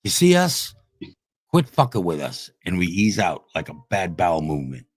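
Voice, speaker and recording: A man with a fairly low voice rants at trolls on a livestream. He is profane and aggressive, and swings from shouting to low, slow growls. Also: animated, a little hiss or hum. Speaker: streamer ranting at online trolls. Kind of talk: heated livestream rant.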